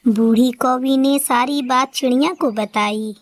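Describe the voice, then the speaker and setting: A woman narrating a children's cartoon story in a steady, scripted storytelling manner. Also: sits high, unhurried, no room sound.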